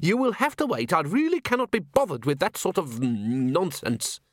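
A man voicing the ghost of a fussy male museum curator with a squeaky, trilling voice and a prim, indignant manner. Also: very animated, moderate pace, no room sound, clean studio sound.

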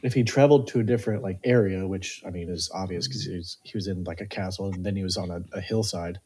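A man's voice: sits low, quick pace, a little mellow, breathy edge. A man co-hosting a book podcast, asking hesitant questions full of fillers. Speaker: podcast co-host. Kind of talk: casual book discussion.

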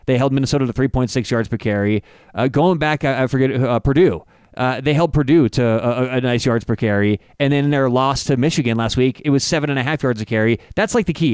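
A man talks through college football betting picks in a relaxed, analytical way, piling up advanced stats. His voice is smooth and clean, recorded dry and close with no room sound. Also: medium pitch, no room sound. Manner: stat-heavy, halting with restarts. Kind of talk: casual analytical sports chat.

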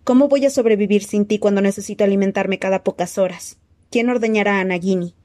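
A woman's voice: mid-range voice, dry recording, natural voice. Lord Voldemort, cold and hissing, as a woman reads him. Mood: menacing. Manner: slow hissing soft threats. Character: cold menacing weak dark-lord man.

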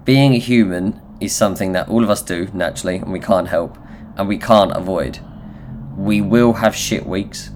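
Low-pitched nasal Essex man. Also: moderate pace, slight background noise. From Essex, England. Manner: candid, self-deprecating, sweary. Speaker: podcast host. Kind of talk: solo motivational podcast talk, informal.

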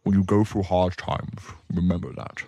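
A stern old orc matron, as a man puts her on, giving advice in a low, slow, hushed voice. Each word is heavy and deliberate. The scene comes from a tabletop game session. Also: level tone, no room sound. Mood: solemn.

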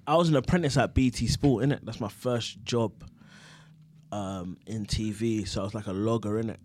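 A man's voice: lowish voice, moderate pace, darkish tone. A young man with a London roadman accent and heavy street slang, chatting casually as he tells anecdotes as a podcast guest. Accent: London, urban roadman slang style. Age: young adult. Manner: slangy street talk with frequent "innit". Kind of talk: casual interview chat, telling anecdotes.

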